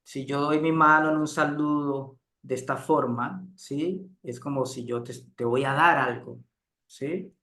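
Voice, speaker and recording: Unhurried man teaching a class. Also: mid-range voice, fairly bright tone. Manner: unhurried, checks in with frequent "¿sí?". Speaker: group facilitation instructor. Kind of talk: relaxed lecture to a class.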